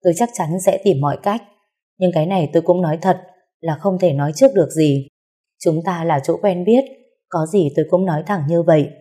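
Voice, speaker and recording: A woman voicing a middle-aged male doctor who speaks in a measured, matter-of-fact way in a storybook reading. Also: on the low side, warm tone, husky. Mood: calm.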